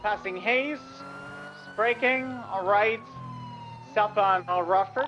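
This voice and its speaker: Male cop over walkie talkie; high-ish voice, hesitant radio callouts, dull hissy lo-fi sound. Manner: halting, full of fillers and restarts. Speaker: police officer leading a pursuit. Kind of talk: roleplay radio traffic. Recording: muffled lo-fi radio with hiss.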